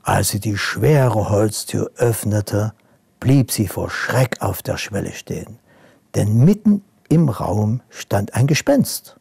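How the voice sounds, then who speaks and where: A man reading a bedtime story aloud to children, gently and expressively, sometimes dropping to a hush. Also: lowish voice, animated, takes it slowly, vocal fry, husky, no echo.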